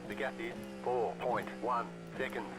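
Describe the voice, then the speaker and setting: A man giving terse pit radio calls as a race spotter, voiced by racing software. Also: medium pitch, flat delivery, a little slow, creaky, loud music behind the voice.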